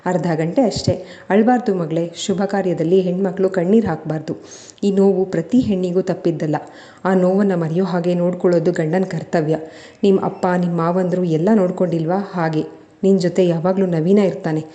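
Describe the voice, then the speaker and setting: A woman's voice: on the low side, steady tone, brisk, mellow, highs cut off, close to an everyday voice. A woman voicing a soothing older aunt. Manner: soothing, coaxing. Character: older woman comforting a tearful bride.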